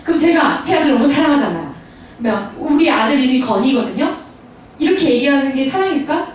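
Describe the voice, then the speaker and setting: A woman pastor in her thirties giving a storytelling sermon to high school students, speaking directly to her listeners. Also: fast, highs cut off. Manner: storytelling, animated, addresses audience directly. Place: large school hall. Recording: echoey hall, mic far off, faint noise.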